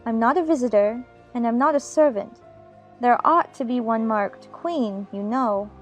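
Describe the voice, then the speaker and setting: A woman's voice: on the high side, unhurried, soft background music, close to an everyday voice. A woman voicing a young storybook girl, earnest and fussy, easily puzzled and impatient. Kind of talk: dramatized audiobook character acting.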